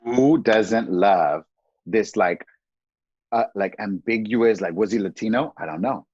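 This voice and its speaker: A man around thirty with a husky, somewhat low voice chats in a campy, loose podcast style, full of "like." The recording is dry and dull, with a dead, lo-fi sound. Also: a little slow, darkish tone, dry recording. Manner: campy, chatty, heavy use of "like". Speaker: podcast co-speaker. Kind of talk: casual podcast chat.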